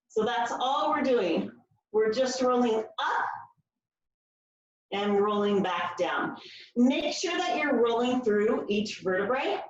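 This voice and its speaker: A woman leading a floor workout class, giving step-by-step cues in an encouraging coaching manner while she demonstrates. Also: fairly high pitch. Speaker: fitness class instructor. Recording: very echoey room, distant mic, slightly dull.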